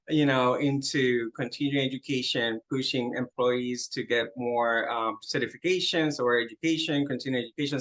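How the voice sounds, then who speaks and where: The recording quality is poor, capturing a fairly bright, mid-range male voice. He is a medical coder from Puerto Rico, middle-aged and Spanish-speaking with a Puerto Rican accent, who laughs modestly and often as a guest in a laid-back interview.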